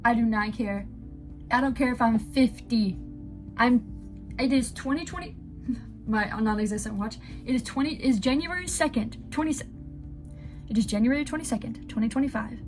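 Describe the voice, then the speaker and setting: A woman in her twenties giving excited, rambling reaction commentary as a gushing fan, often giggling. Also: fairly high pitch, moderate pace, long pauses, faint music behind. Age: 20s. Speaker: YouTube reactor.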